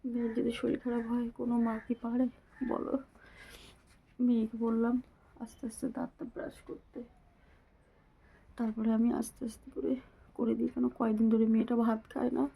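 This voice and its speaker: Soft-spoken ill woman, mellow tone. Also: a little high, completely flat delivery, fairly quick, gravelly, long pauses, husky. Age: adult mother. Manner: speaks softly, often near a whisper. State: ill with fever, weak voice. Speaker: family vlogger. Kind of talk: casual home vlog talk to viewers.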